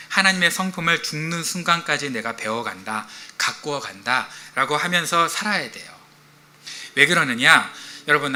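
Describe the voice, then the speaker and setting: A man's voice: fairly high pitch, sharp tone. A middle-aged male pastor giving a chatty, humorous sermon and often putting questions to the congregation.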